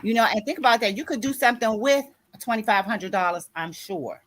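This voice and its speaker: Slightly fast and a bit bright, this high-leaning female voice comes with a little hiss or hum in the recording. The speaker is a sixty-something radio host and author mentoring co-authors on a motivational, conversational show. She exhorts emphatically and repeatedly checks that listeners are following.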